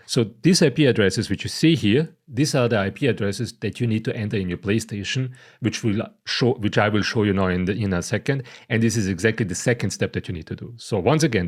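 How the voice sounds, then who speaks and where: Low-voiced man explaining, asking "okay?". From Croatia. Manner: explains step by step, repeats "okay?" and "you know". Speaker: product presenter. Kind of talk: casual screen-recorded tutorial.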